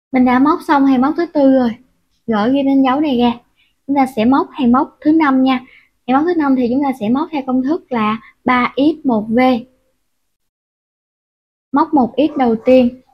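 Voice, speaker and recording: This female crochet teacher's voice sits high and carries a breathy edge. Guiding viewers step by step, she patiently counts each stitch aloud amid many filler sounds, all captured in muffled, lo-fi audio.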